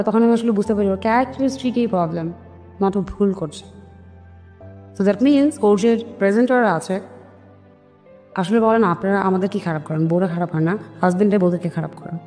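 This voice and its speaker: Her voice is warm and mid-pitched: a Bangladeshi-accented woman narrating her life in an interview. She's emphatic and earnest, acting out dialogue she recalls. Long reverb colors the recording, and music plays in the background.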